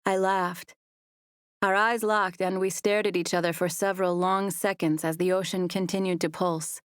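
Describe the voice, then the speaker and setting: A woman narrating a first-person romance audiobook in a soft, even storytelling voice on a close mic. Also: fairly low pitch, moderate pace, clear, resonant tone, no echo.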